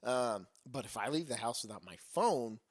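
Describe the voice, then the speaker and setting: A man in his thirties talks in a loose, rambling way, restarting his sentences and leaning on filler words. His pitch sits in the middle, and the recording is dry and close with no room sound. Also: animated, moderate pace, slightly rough, no room sound. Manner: rambling, self-interrupting, lots of "like". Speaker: podcast co-host. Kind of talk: casual conversation.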